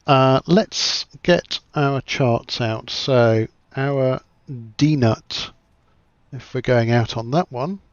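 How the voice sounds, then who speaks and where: A man's voice: mid-range voice, drawn-out words, smooth, no room sound, highs cut off. A man giving casual livestream commentary as he plays a flight simulator, thinking aloud in a chatty, self-deprecating way.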